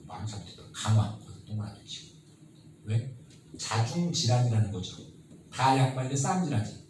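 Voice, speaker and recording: A man giving a lively history lecture who asks his students constant questions and acts out the people he quotes. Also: mid-range voice. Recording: very echoey room, mic at a distance, faint noise.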